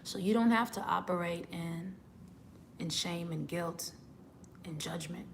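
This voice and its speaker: A woman's voice: on the low side, unhurried, creaky, a little hiss or hum. A woman, a singer, giving an earnest motivational talk, often repeating words as she starts a thought.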